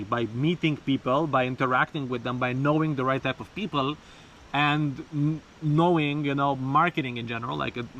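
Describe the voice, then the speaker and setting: A man talking casually and haltingly in an unscripted personal vlog, repeating words and speaking informally, outdoors. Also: medium pitch, a bit bright, muffled recording, slight background noise. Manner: informal, sprinkled with swearing and bro. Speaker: vlogger. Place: outdoors, bathing in a river.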